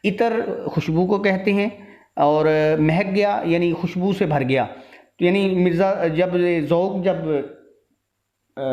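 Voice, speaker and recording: A man's voice: sits high, a little mellow. Man teaching a literature lecture. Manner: explains each word and line step by step. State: tired from long talking. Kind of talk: lecture explaining a literary text.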